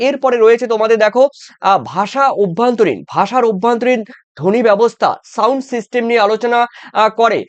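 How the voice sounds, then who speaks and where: A man's voice: very high voice, clean tone, dry recording. A man teaching an exam-prep lesson, repeating answers and often checking that students follow. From West Bengal. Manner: repetitive, coaxing with frequent check-ins and fillers. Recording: dull, dry lo-fi sound.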